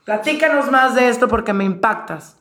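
A woman's voice: fairly high pitch, normal speed, noisy background. A woman interviewing a guest, effusive and heartfelt, asking her questions over and over.

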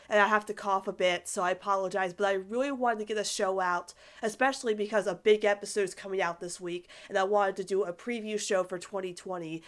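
A woman hosting a casual solo fan podcast, talking in an excitable, rambling way with a nasal voice stuffed up from a cold. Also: medium pitch. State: recovering from sickness, stuffed-up nose. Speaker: podcast host.

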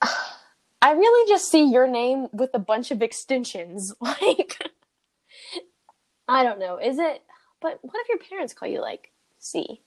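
A young woman answering quiz questions from a friend, playful and teasing, thinking out loud. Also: sits high, sing-song, unhurried, long pauses. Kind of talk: casual quiz game chat between friends.

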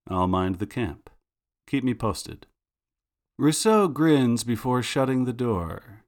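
A man reading a first-person serial story aloud, with a dry, sardonic way of telling it. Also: medium pitch. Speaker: narrator. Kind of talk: first-person audiobook narration of serial fiction.

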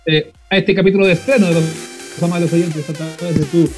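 A man's voice: on the high side, fairly even intonation, fairly quick, darkish tone, faint music behind. A middle-aged Chilean man hosting a podcast in casual, slangy conversation. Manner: colloquial, slangy. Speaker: podcast host. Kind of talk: casual chat.

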